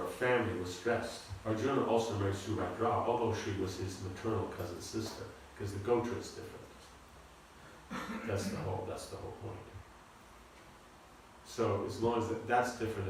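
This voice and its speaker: A man teaching a seminar on scripture, talking in a halting, informal way and often repeating his words. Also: fairly low pitch, a little hiss or hum. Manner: halting, repeats words, asks the audience to follow. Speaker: spiritual teacher giving a seminar lecture. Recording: echoey room, recorded from a distance.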